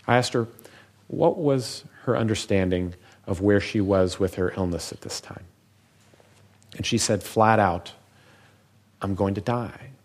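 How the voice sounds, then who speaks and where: A man with a very low, deep voice gives a public talk as a physician. He tells stories in a measured, reflective way, taking his time over each thought.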